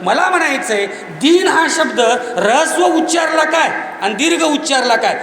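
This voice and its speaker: High-voiced man lecturing emphatically in an echoey hall. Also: lively intonation, moderate pace, a little hiss or hum. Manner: emphatic, rising to near-shouts on key points; explains by listing examples. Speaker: speaker on Marathi language and literature. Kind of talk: public lecture. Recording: echoey hall, slightly far off.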